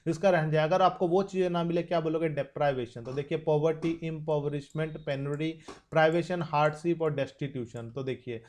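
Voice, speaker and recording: A young man with an Indian accent teaching an exam-prep vocabulary lesson, explaining in Hindi and reading English example sentences slowly and carefully. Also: a little high, fairly even intonation, darkish tone.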